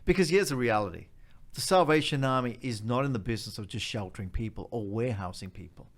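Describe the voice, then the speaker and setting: A man's voice: medium pitch, quick pace. A man with an Australian accent, a charity leader explaining in an interview step by step and stressing key points by repeating them.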